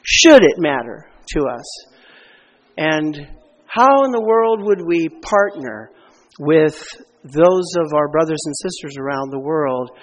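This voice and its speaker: A man preaching a sermon in a church, emphatic, swinging between loud declarations and hushed asides, with anecdotes in which he acts out quoted voices. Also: a little high, lively intonation, slow. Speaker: pastor. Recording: long hall reverb.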